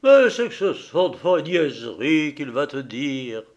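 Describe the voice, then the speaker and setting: A man's voice: on the high side, big pitch swings, unhurried, lo-fi sound. A man reading an audiobook, voicing a proud, anguished grown son who pleads urgently. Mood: insistent.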